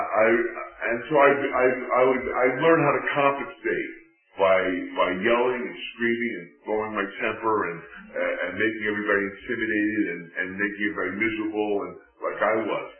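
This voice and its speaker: A man telling a personal testimony in an animated, self-mocking way, often restarting his sentences. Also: lowish voice. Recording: distant, echoey, phone-like sound with faint music.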